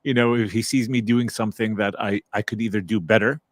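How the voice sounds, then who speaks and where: A man's voice: fairly low pitch, steady tone, a little fast, no echo. A man co-hosting a casual religious chat, speaking reflectively as he recounts memories of his teachers. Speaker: co-host, Islamic teacher.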